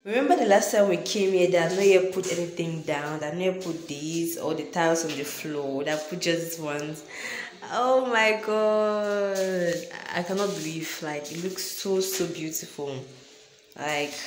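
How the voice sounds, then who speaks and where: A woman from Cameroon vlogging a house tour, gushing over new tiles and rooms, recorded on a low-quality old phone held in her hand. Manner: gushing, exclaims wow and oh my god. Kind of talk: casual house-tour vlog. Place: empty newly tiled rooms of a house, indoors. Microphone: handheld old phone. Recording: echoey bare rooms, hissy noisy phone audio.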